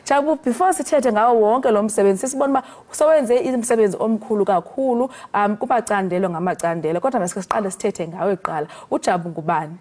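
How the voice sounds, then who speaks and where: Woman, Xhosa accent from South Africa, mid-pitched voice, talk show host, interviewing. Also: fast, few pauses, darkish tone.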